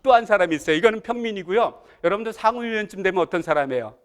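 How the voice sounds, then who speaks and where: Male Bible study teacher, high voice, conversational and amused, quizzes listeners. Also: lively intonation, racing, clean tone. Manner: chatty, asks the audience questions, chuckles often. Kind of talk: casual Bible lesson.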